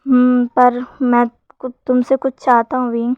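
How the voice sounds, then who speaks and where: A woman's voice: a little high, monotone, measured pace, clean tone, dry recording, close to an everyday voice. Woman reads possessive schemer, young man, plain storybook delivery, dry and muffled. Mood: coaxing. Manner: read in a plain narrating voice, softer when plotting. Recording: dull lo-fi sound.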